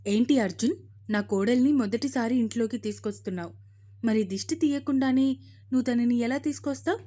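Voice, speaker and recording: A woman's voice: a little high, a little fast, mellow, close to an everyday voice. A woman voicing a stern but loving middle-aged mother-in-law who gives firm orders in a storybook reading. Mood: commanding, affectionate. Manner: commanding, firm.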